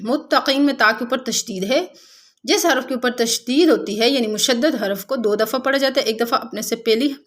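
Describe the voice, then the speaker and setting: A woman teaching a tajweed lesson, explaining each rule step by step and then reciting the words slowly and drawn out. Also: sits high, a bit bright.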